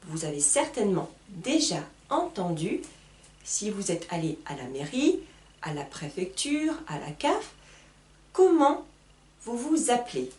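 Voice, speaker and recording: A woman teaching a beginner lesson, speaking slowly and deliberately and spelling out sounds. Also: medium pitch, big pitch swings, darkish tone. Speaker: French teacher. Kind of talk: slow beginner French lesson at a whiteboard. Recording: echoey room, voice from far off.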